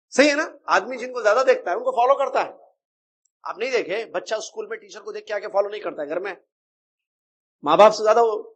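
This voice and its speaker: A man's voice: sits high, a bit bright. A man giving an Islamic creed lecture as a religious teacher, talking in a conversational way and putting rhetorical questions to his listeners.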